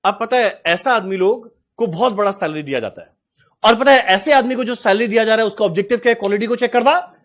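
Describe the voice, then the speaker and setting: A man in his forties giving a cost accounting class, his voice sitting noticeably high. He talks to his students in a chatty, storytelling way, weaving in his own experiences. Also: lively intonation, fast, a bit bright. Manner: chatty, storytelling, addresses students as "tum log". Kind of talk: lecture with a personal anecdote.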